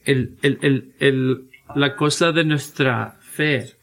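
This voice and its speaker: A man's voice: medium pitch, steady tone, slow, a bit bright. A man preaching a sermon to his church, earnest and emphatic, with frequent restarts and repeated rhetorical questions. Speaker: pastor.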